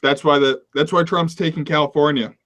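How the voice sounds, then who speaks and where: A man's voice: on the high side, steady tone, brisk, a bit bright. A man co-hosting a casual political podcast, given to sarcastic joking rants. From Maine. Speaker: podcast co-host.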